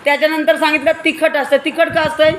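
A woman preschool teacher with a Marathi accent teaching young children in class, asking question after question and urging them to answer louder. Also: high-pitched, level tone, fast, noisy background.

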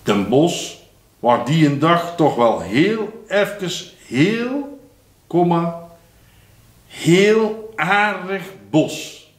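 Slow man reading a dictation. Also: lively intonation, reverberant. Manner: reads each phrase slowly, then drops low to call out punctuation. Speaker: dictation reader.

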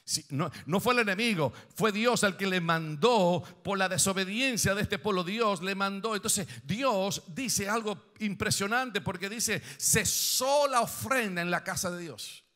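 A man's voice: high voice, measured pace, few pauses, pushed and bright. A man preaching a sermon as pastor, reading scripture aloud and explaining it, with rising questions and phrases that lift into song.

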